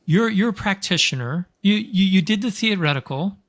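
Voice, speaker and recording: A man's voice: sits high, expressive, moderate pace, no room sound. A man hosting a podcast, reading a scripted intro and then chatting with an upbeat, enthusiastic manner. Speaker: podcast host. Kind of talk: scripted show intro and casual interview.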